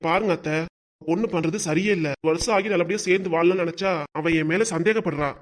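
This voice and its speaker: A woman's voice: lowish voice, fairly quick, natural voice. A woman voicing a defensive, grumbling young husband and son-in-law in a cartoon. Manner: defensive and complaining.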